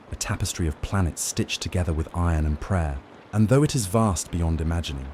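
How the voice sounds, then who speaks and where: Really deep dark-voiced guy reading a sleep story, slow n gentle, soothing. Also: a little hiss or hum. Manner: gentle, measured, hushed lulling delivery. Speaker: narrator of bedtime lore stories.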